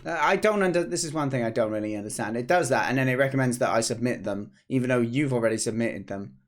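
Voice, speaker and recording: A thirty-something British man who develops games runs a casual devlog stream from a home office desk mic. Slightly hoarse and medium-pitched, he speaks fast, chatting and rambling with plenty of restarts.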